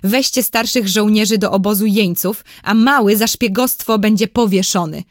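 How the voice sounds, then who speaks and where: A woman's voice: mid-range voice, moderate pace, no room sound, studio quality, lightly acted. A woman reading a storybook, voicing an angry, scornful male enemy army officer who sneers harshly.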